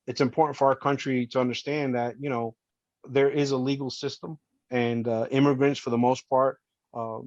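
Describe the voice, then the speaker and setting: A man in his fifties, born in Colombia and raised in New Jersey, tells his story as a podcast guest in a casual interview. He speaks earnestly and from the heart in a mid-range voice. The sound is lo-fi with no echo.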